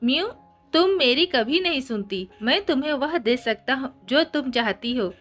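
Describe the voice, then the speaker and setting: A woman's voice: high-pitched, animated, moderate pace, a bit bright, soft background music. A woman voicing a teasing, domineering young nobleman who talks in a playful, smug, coaxing way.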